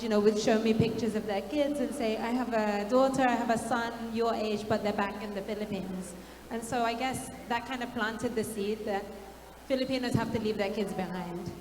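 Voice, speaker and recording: A woman's voice: on the high side, a little mellow. A woman startup founder from the United Kingdom, sharing a personal story on a conference panel. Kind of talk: panel talk. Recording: echoey, reverberant event hall.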